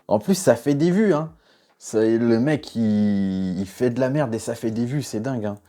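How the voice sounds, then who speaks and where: A man's voice: medium pitch, moderate pace, warm tone. A knife sharpener giving casual reaction commentary, a man who talks bluntly, swears, laughs often and sounds exasperated.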